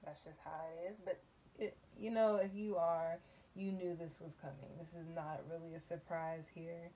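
Woman doing a chill tarot reading, lowish mellow voice, slight hiss behind. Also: fairly even intonation. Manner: musing, unhurried, with hums and laughs. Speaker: tarot reader. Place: small dim room at a table, hands only in view.

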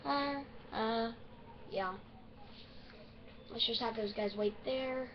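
A woman's voice: a little high, slow, highs cut off, slight background noise. Chatty hiccuping woman gamer. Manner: chatty, easily excited, rambling. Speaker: gaming video host. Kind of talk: casual let's-play commentary.

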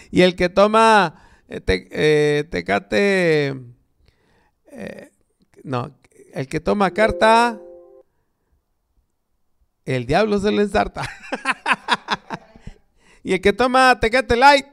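Male host, high gravelly voice, unhurried chatty joke-telling, laughs at own gags. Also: expressive, fairly bright tone. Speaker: show host telling jokes. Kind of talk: casual live-stream joke telling.

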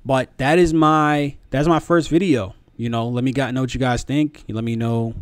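A man in his thirties giving casual review commentary, halting and often repeating words. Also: medium pitch, steady tone, smooth, dry recording. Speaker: video commentator. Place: small room at home. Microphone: close desk microphone, headphones on.

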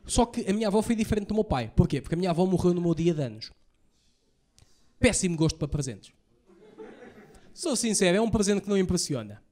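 A young man with a European Portuguese accent doing a stand-up set, telling profane stories rapid-fire and acting out the lines he quotes. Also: sits high, lively intonation, warm tone. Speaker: stand-up comedian. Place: comedy stage before a live audience.

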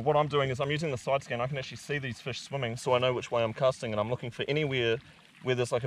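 A man's voice: medium pitch, distant mic. A man, chatting casually to an action camera while kayak fishing at sea. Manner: laid-back, chatty, laughing, slangy. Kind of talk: casual vlog talk to camera. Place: kayak on open sea outdoors. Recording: outdoor camera with wind and water noise.

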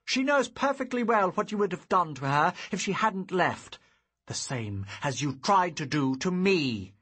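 Man voicing a defiant young son, raised high voice, husky, bright, accusing. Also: sing-song, a little slow, exaggerated voice. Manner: defiant, shouting back.

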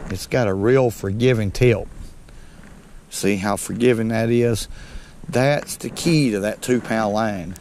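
A man's voice: on the low side, a little mellow, slight background noise. A middle-aged man with a Southern American accent from North Alabama, chatting unhurriedly to viewers while fishing from a small boat on a lake. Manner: folksy, unhurried, talks to viewers as "folks". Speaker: fishing channel host. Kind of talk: casual fishing commentary. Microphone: head-mounted action camera.

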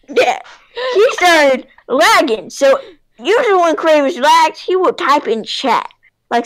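A woman acts out a grandpa in a video game role-play, rambling through a story. The voice is high and very animated. The old storyteller is scatterbrained and keeps drifting off track. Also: full character voice, rough recording. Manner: rambling storytelling, easily sidetracked.

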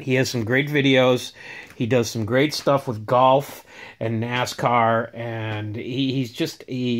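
A man casually talking through his autograph collection in a home vlog, rambling with many fillers and restarts, filmed on a handheld phone. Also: medium pitch. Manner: rambling, filler-heavy, upbeat. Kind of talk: casual show-and-tell vlog.

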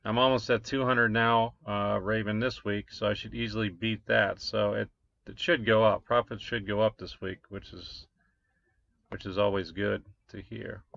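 A man's voice: lowish voice, level tone, moderate pace, creaky, fairly bright tone, no room sound. A man, casually walking through his crypto mining numbers, rambling with many fillers. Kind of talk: casual screen-share walkthrough. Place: small room at a desk. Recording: dull lo-fi desk recording.

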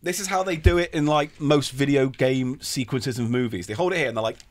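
A man co-hosting a casual panel chat, animated and quick to laugh loudly. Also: medium pitch, slight background noise. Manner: animated, laughs loudly, breaks into silly impressions. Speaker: co-host.

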